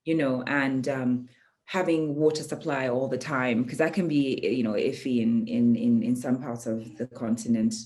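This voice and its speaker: Her low voice is darkish in tone with fairly even intonation. She's a Kenyan adult, a parent of a young child whose first language is Swahili, speaking as a guest in casual conversation, reflective and often pausing with ums.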